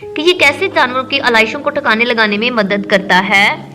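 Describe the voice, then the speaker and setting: Woman, English lesson, reads slowly then explains in Urdu, high-pitched. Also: expressive, pushed and bright, faint music behind, low-quality recording. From Pakistan. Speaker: English teacher.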